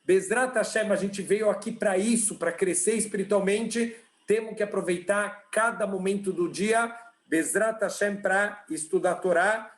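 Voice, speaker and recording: A rabbi with a Brazilian Portuguese accent teaches an online class through animated storytelling. His voice sits high for a man. The sound is roomy and echoey, as over a video call. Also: a little slow. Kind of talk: online religious lesson with storytelling.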